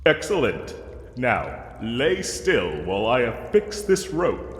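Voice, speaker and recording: Here the knight, performed by a man in a scripted fantasy roleplay, sounds firm and reassuring, his medium-pitched voice swooping wildly in slow, formal, old-fashioned speech. Grandly theatrical and condescending but tender under the gallantry, he holds forth in an echoey, cavernous space with music underneath and slight background noise.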